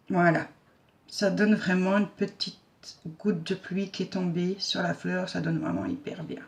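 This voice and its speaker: A woman's voice: medium pitch, darkish tone. Chatty woman teaching crafts. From Belgium. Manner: chatty and homely, narrating each step while working, with frequent fillers; self-mocking humor. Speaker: craft tutorial host. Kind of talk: casual step-by-step craft tutorial.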